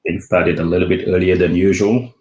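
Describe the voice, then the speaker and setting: A very low-voiced man from Senegal answers questions as a guest on an interview show. He talks in a relaxed, halting way, with many pauses and fillers. His voice sounds echoey, as if in a reverberant room. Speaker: guest, company CEO.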